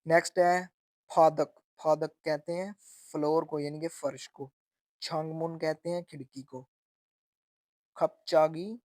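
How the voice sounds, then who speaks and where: A man's voice: fairly high pitch, steady tone, a little mellow, dry recording. Man teaching vocabulary in a dry room. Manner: slow and repetitive, spelling out sounds and meanings. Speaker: language teacher. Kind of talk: explaining vocabulary from a textbook.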